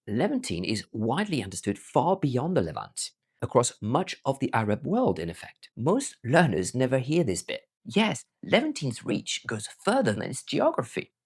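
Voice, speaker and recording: A language teacher who learned Arabic as a foreign language, not as a first language, gives an emphatic scripted explainer presenting their own learning platform. The voice is mid-range with a breathy edge and huge pitch swings, at normal speed.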